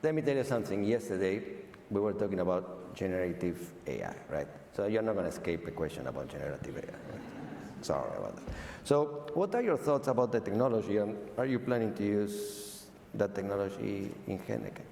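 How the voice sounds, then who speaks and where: A man's voice: lowish voice, big pitch swings, brisk, gravelly, mellow, a little hiss or hum. A man hosting an onstage interview, talking in a playful, teasing way. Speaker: conference host and interviewer. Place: large hall at a live event. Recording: echoey hall with crowd.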